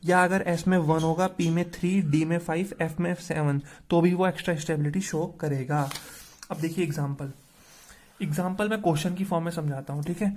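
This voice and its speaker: A man's voice: a little high, steady tone, a little fast, darkish tone. A man teaching a chemistry lesson, asking questions and answering them himself.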